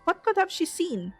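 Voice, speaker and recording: An excitable, easily startled woman with a Filipino accent, playing a horror game for viewers and reading its text aloud. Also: very high voice. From Philippines. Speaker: gaming streamer. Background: game music.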